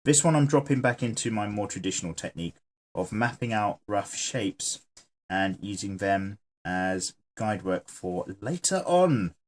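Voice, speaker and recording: An artist running his own channel draws while reading viewer comments and cracking jokes. His voice is on the low side, unhurried, with lively intonation.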